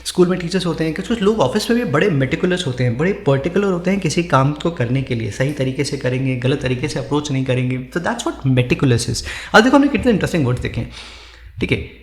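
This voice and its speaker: A man's voice: on the high side, animated. Encouraging male vocabulary teacher, echoey room. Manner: speaks Hindi mixed with English, reads English examples slowly; frequent "ठीक है" check-ins, encouraging. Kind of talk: casual explanatory lesson.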